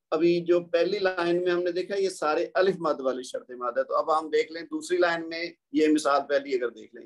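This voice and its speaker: Male teacher, slightly higher voice, patient step-by-step explainer. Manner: patient, explanatory, asks and answers his own questions. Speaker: Quran recitation teacher. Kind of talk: tajweed lesson.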